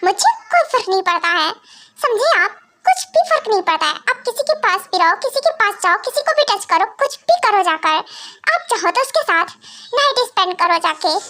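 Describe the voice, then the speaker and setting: Girl doing a stubborn young bride, super high bright voice, cold and curt, brushing him off. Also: sing-song, moderate pace, exaggerated voice. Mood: dismissive. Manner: fan dub acting, dismissive and curt. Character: stubborn young woman Kooki, cold and defiant. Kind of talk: amateur Hindi fan drama.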